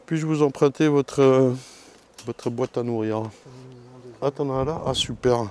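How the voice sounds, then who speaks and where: A man checking his beehives outdoors, chatting loudly and self-mockingly to a camera mic some distance away, in a joking put-on southern French twang. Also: mid-range voice, a little slow. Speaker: beekeeper. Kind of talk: casual vlog while working. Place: outdoor apiary among hives. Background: faint buzzing of bees.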